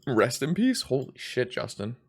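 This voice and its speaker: A man's voice: medium pitch, sing-song, normal speed, vocal fry, breathy edge. A hungover man giving rambling, self-deprecating live commentary on a card game stream, swearing casually.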